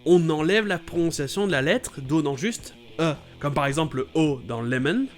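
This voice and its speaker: Man, high-pitched voice, playful explainer narration, soft music underneath. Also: normal speed. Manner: lively, playful, exclamatory. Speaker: YouTube host explaining English pronunciation.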